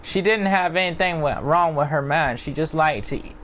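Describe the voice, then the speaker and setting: A man's voice: a little high, moderate pace, muffled recording, slight background noise. A man with a Louisiana accent, chatting casually with gaming friends and rambling through joking stories. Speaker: gamer. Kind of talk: casual chat.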